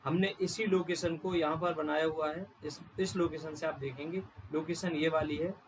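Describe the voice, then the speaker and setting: A male teacher giving an exam-prep geography lecture, pointing at a map and slowly repeating and spelling out place names. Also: fairly high pitch, steady tone, a little hiss or hum, rough recording.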